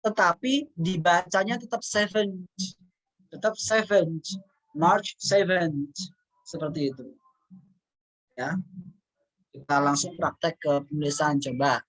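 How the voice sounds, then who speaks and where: Guy explaining a lesson, says stuff twice, reads examples real slow. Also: fairly high pitch, a bit bright, rough recording. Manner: explains patiently, repeating words and example sentences; reads English examples out slowly. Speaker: English teacher. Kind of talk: casual spoken lesson.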